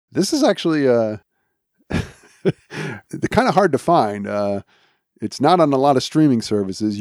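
A man's voice: mid-range voice, dark tone, dry recording. Male podcast host, dry close sound. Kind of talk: casual chat.

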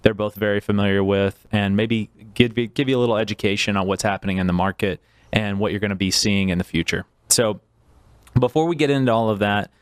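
A man hosting a podcast, laid-back and joking, with frequent halting restarts. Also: on the low side, steady tone, smooth, no echo, studio quality. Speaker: podcast host, integrator. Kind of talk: casual podcast chat.

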